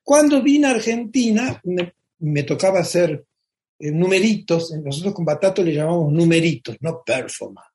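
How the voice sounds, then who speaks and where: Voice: mid-range voice, lively intonation, moderate pace, darkish tone. Theatrical storyteller guest on radio. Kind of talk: casual radio interview.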